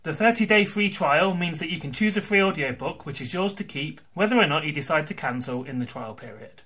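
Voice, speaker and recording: A podcast host with a fairly high, sharp voice and lively intonation speaks a little fast, chatty and wry in an informal way. The episode is a conversational interview that includes an ad read.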